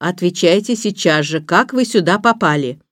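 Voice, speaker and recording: A woman's voice: fairly low pitch, animated, normal speed, fairly bright tone, no room sound, studio quality. A woman voicing a mild, fretful older village pastor.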